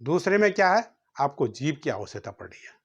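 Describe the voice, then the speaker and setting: A man's voice: fairly high pitch, big pitch swings, brisk, husky, dull audio. A man teaching a grammar lesson, sounding out letters one at a time and asking questions he then answers himself.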